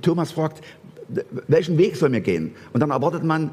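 A man delivers a sermon with a slightly husky, somewhat high voice. His pitch swings widely as he presses home repeated rhetorical questions. A long reverb trails each phrase, as in a church hall. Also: big pitch swings, fairly quick, mellow. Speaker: preacher.

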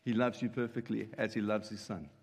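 A man's voice: on the low side, flat delivery, fairly quick. A man, preaching earnestly in short emphatic lines that an interpreter follows. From South Africa. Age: 50s. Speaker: guest preacher. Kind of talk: sermon with live interpreter. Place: church hall. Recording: long church hall reverb.

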